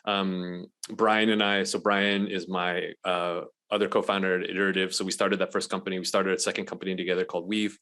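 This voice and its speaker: A man's voice: low-pitched, little pitch movement, brisk, hardly any pauses, sharp tone. A man from Malaysia, a guest on an interview podcast, talking casually with many ums and restarts. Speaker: guest, venture investor.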